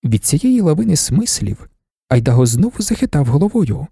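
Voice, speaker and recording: Man narrating in a dark, mellow voice. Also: fairly high pitch, sing-song, moderate pace, gravelly, slightly rough, no room sound, clean studio sound. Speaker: audiobook narrator. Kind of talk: scripted narration.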